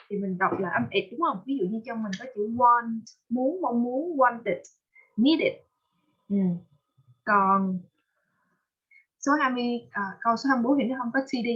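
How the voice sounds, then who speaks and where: A woman teaching English pronunciation with a Vietnamese accent, patiently drilling words and repeating them slowly. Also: a little high, husky, highs cut off. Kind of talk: online pronunciation lesson.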